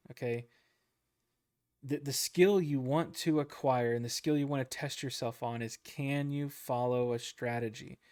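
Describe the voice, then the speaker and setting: A man's voice: mid-range voice, a little mellow. A man casually coaching traders through a book chapter, repeating points and checking in with "okay?" and a goofy, self-deprecating streak. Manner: chatty, repeats himself, lots of "okay?" and "right?". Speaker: trading coach.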